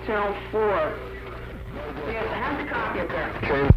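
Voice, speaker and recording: A man's voice: sits high, lively intonation, a little slow. Man on CB radio, lo-fi. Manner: trucker CB lingo, friendly. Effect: talking over CB radio. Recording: lo-fi radio clip with loud music. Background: music.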